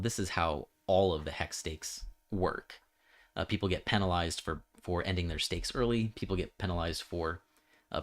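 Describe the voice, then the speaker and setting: Soft-spoken man with a very low voice. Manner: soft, drawling, with many fillers and restarts. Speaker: host. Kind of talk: casual explanation.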